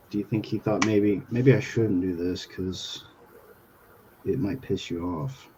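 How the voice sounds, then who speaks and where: A man's voice: deep voice, takes it slowly, pauses often, noisy background. A man co-hosting a drawing talk show, chatting casually and teasing in joking banter. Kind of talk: casual chat while drawing.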